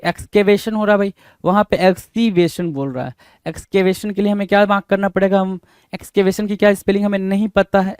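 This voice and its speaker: Man, exam spelling teacher, repetitive rhetorical questions, high pitch, dry close sound. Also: darkish tone, clean tone, no room sound. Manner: repetitive, rhetorical questions, calls students "bhai". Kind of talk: exam prep lesson, spelling out words letter by letter.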